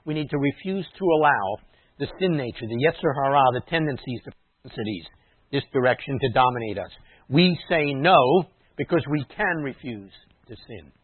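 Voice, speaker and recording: A man's voice: mid-range voice, animated, normal speed, husky, no echo. Man preaching a teaching sermon over a tinny line. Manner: teacherly, explains terms, drops to quiet asides. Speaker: messianic rabbi preaching. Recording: dry tinny phone-like sound.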